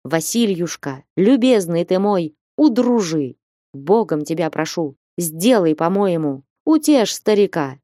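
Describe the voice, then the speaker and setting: A woman voicing a blustering, hot-tempered old male merchant in an audiobook, scolding and shouting. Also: on the low side, lively intonation, a little slow, no room sound, studio quality. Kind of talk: audiobook reading.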